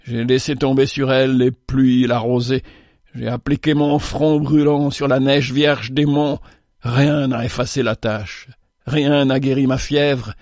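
A man's voice: mid-range voice, level tone, measured pace, darkish tone, dry recording, studio quality, natural voice. A man voicing a cursed, tormented old male vagabond in a read-aloud story, with anguished, declamatory outbursts. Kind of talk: storybook reading.

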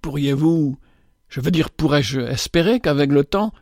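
A man's voice: on the high side, measured pace, darkish tone, dry recording, studio quality. A man reading a novel aloud, voicing a nervous, earnest young man pleading his love in his own near-natural voice. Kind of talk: audiobook dialogue reading.

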